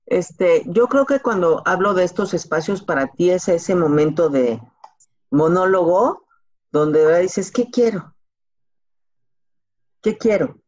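Speaking a little slowly and pausing often, a woman with a Mexican accent and a fairly low, slightly mellow but animated voice answers as a podcast guest. She offers career advice colloquially, with examples and rhetorical questions. The audio is slightly dull and lo-fi.

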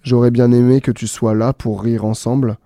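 Mellow man reading poems, dry sound. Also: medium pitch, moderate pace, no echo. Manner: relaxed, hesitant fillers, reading aloud. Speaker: host reading books and poems. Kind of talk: casual reading show.

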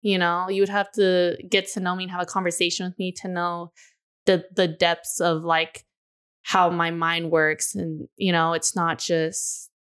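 This woman in her twenties has a lowish, fairly bright, clean voice and a flat delivery. Co-hosting a casual podcast, she muses aloud candidly and confessionally, drawing out her thoughts and filling them with "you know" and "like."

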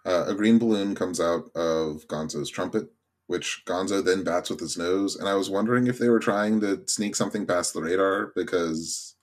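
A man's voice: low voice, moderate pace. A man co-hosting a podcast, giving a casual recap of a TV episode. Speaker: podcast co-host.

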